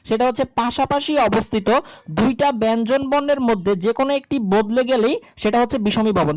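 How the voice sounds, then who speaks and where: A woman's voice: a little high, a little mellow, no echo. Woman teacher explaining grammar, dry close sound. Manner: explains step by step with frequent rhetorical questions. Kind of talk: board-based grammar lesson.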